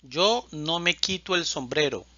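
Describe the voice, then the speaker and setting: A man teaching Spanish, reciting verb conjugations in a slow, deliberate drill and stressing each verb form. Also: on the high side, animated, pushed and bright, dry recording, highs cut off.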